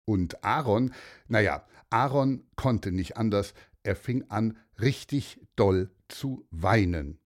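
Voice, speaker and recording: Ein Mann, der Kindern eine Geschichte vorliest und sie direkt anspricht, plaudernd und gemütlich. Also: male voice, lowish voice, slow pace. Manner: warm, chatty, addresses children directly. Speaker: storyteller. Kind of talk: children's story narration.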